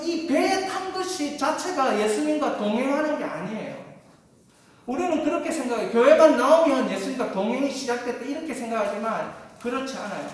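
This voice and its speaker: A woman pastor preaching a sermon with lively call-and-response to her congregation. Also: fairly high pitch. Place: large church sanctuary. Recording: echoey hall from far off.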